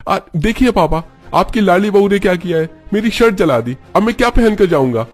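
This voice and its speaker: Man doing an angry shouting young husband. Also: mid-range voice, moderate pace, faint music behind, voice pushed up, lightly acted. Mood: furious. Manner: yelling, accusing. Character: short-tempered young husband, shouting and sulky.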